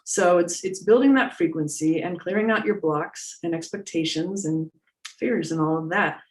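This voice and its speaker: A woman's voice: on the low side, normal speed. A middle-aged woman giving casual, earnest spiritual teaching in an informal, emphatic way. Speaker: spiritual teacher and medium answering questions. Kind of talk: casual, conversational spiritual talk. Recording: echoey room, distant mic on internet call.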